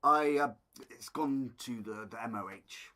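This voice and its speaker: A man's voice: medium pitch, unhurried, sharp tone. An actor playing a boastful adult male Norse thunder god in a comedy sketch, grand and haughty. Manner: grand, haughty, calls people puny humans.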